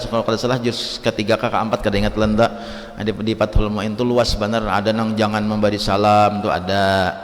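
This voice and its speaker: A man with a Banjar accent giving a conversational religious lesson in an Islamic study hall, lecturing in a lively, chatty way and acting out examples. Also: fairly low pitch. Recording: reverberant hall.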